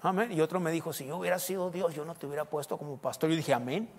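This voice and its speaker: A man preaches in a loud, excitable sermon style, breaking into exclamations. His voice sits high for a man. The sound rings with a long church-hall reverb. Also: fast. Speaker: pastor. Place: church sanctuary.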